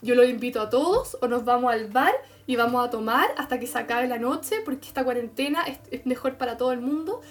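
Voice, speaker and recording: A woman's voice: on the high side, brisk, lightly acted. Breezy adventurous Sagittarius moon, as a woman plays it. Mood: carefree.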